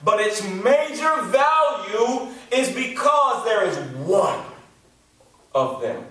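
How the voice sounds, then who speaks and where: A man in his forties from Detroit with an American accent, telling a lively story as a youth speaker, slangy and repeating words for emphasis. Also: high voice, takes it slowly. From Detroit, USA. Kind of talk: motivational storytelling talk. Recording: echoey hall, distant mic.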